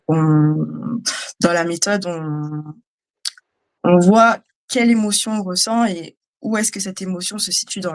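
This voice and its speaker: A woman recounts a personal experience as a guest. She speaks haltingly, repeating words and pausing on fillers, her voice at a middle pitch. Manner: hesitant, halting, many fillers. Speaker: guest, trainee. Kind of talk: personal testimony.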